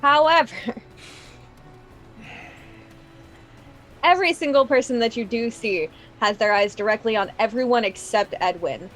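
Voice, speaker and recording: Woman game master, high-pitched, loose and chatty delivery, soft music underneath. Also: a little slow, pauses often. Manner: casual and chatty, with loose filler words. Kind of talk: running a tabletop game.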